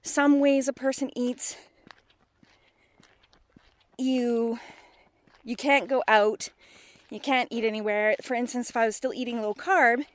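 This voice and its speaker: Unhurried and pausing often, a middle-aged vlogger speaks in a slightly high voice with a steady tone. She rambles candidly, often questioning herself with emphasis, and records on a phone held at arm's length.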